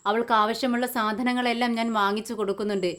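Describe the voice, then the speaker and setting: A stubborn young mother, bitter and curt, who shuts out her own family, as a woman narrator puts her on. The voice stays slightly high, close to the narrator's own. It belongs to a retold TV family drama. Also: fairly even intonation, quick pace, a bit bright, natural voice. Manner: curt defiant.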